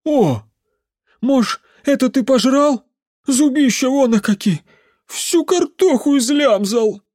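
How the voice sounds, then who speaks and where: Casting: hoarse drunk old peasant, weepy and wailing, shrill and loud, dry studio sound. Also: male voice, animated, slow pace, dry recording, heavily acted. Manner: wailing, tearful rustic speech.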